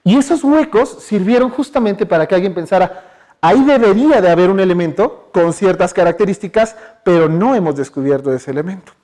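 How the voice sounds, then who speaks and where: A man with a Mexican Spanish accent gives a relaxed public science talk in a university lecture hall. His voice sits a little high, and he talks in a chatty way, tossing questions to the audience and filling pauses with "eh" and "ajá". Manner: chatty, asks the audience questions, many fillers. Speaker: guest speaker.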